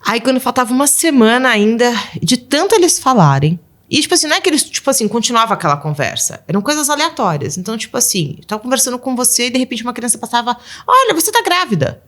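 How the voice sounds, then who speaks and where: A woman's voice: fairly high pitch, expressive, quick pace, hardly any pauses, a bit bright. A woman in her thirties, a podcast guest and mother of twelve, telling casual stories and acting out her children's voices with frequent laughs. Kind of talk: casual storytelling interview.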